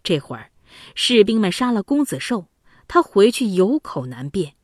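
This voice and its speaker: A woman narrating a classic children's story in an expressive, dramatic way. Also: medium pitch, moderate pace, no echo, clean studio sound.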